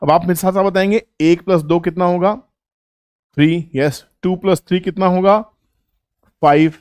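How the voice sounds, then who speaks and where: A man explains step by step to his viewers, keeping them along by asking questions and answering them himself. His voice sits a bit high for a man. The recording is close and dry. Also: steady tone, normal speed, darkish tone, clear, resonant tone, dry recording. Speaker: trading educator.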